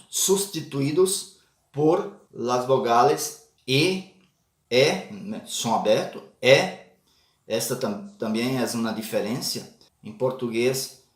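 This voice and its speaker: A man teaching a Portuguese lesson, speaking deliberately, repeating example words and adding short tag questions. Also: mid-range voice, roomy sound. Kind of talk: slow spoken language lesson.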